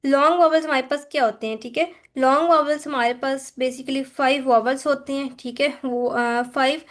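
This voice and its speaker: High-voiced Pakistani woman teaching phonetics. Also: fairly even intonation. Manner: mixes Hindi-Urdu with English terms, repeats "ठीक है", slows to spell out examples. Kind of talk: lecture explaining slides.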